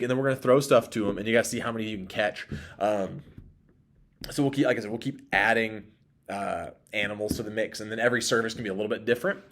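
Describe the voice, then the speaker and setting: A young man leading a children's ministry, casually briefing volunteers on the week's plan with lots of ums. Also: fairly low pitch. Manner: relaxed, rambling with frequent ums. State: allergies, may sneeze.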